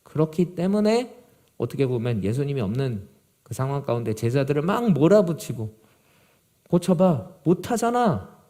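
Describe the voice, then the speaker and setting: A male pastor preaching a sermon to a youth group, swinging from loud, urgent emphasis to low, quiet gravity. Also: sing-song, a little fast.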